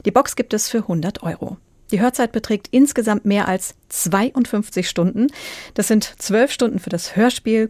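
A woman's voice: mid-range voice, a little mellow, no echo. A woman hosting a radio book show, announcing titles and asking her guest questions. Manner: clear, announcing. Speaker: radio host.

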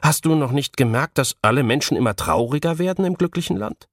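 A man voicing a shy, anxious boy prince from a children's audiobook, pitched somewhat above his own voice. He sounds earnest and hesitant. The sound is dry and close. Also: animated, fairly quick, dry recording. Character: timid young boy prince. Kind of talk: audiobook reading.

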